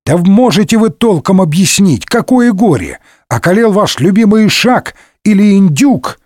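A man's voice: high voice, expressive, normal speed, no room sound, studio quality, pitched above the performer's own voice. A man voicing a hot-tempered, sarcastic middle-aged swordsman in a comic audiobook, barking insults and mocking his friend. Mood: irritated, scolding. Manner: brusque, mocking, shouting insults.

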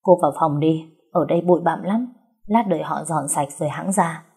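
A woman's voice: sits low, fairly quick, gravelly, a little mellow, husky, heavily acted. A woman voicing a genial young master of a rich household who speaks politely but gives orders. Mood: easygoing. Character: young gentleman of a rich household, good-natured and commanding.

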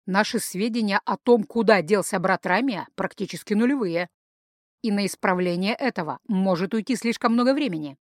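A woman's voice: mid-range voice, normal speed, dry recording, natural voice. A woman voicing a practical male companion in a fantasy audiobook, plain and matter-of-fact.

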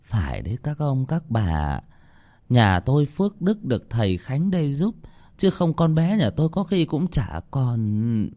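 A man voicing a grateful old grandmother who speaks softly and humbly. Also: mid-range voice, sing-song, measured pace, voice pushed up.

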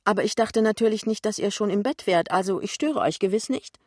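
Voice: medium pitch, a little fast, a little mellow, no room sound, studio quality, voice pushed up, close to an everyday voice. A narrator voicing a fussy middle-aged mother who chatters and apologizes too much in a radio drama reading. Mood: flustered. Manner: flustered, over-apologetic, chattering.

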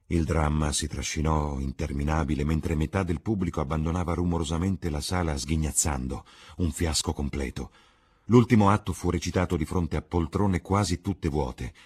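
A man narrating a classic novel as an audiobook in a measured, theatrical way. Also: very deep voice, darkish tone, husky. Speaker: audiobook reader. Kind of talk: scripted literary narration.

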